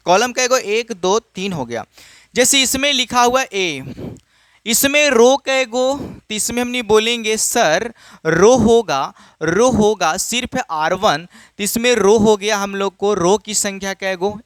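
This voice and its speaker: High, clear-voiced maths teacher. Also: male voice, slow, fairly bright tone, dry recording. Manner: repetitive, asks and answers his own questions; casual, addresses students as children. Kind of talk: classroom lesson for students.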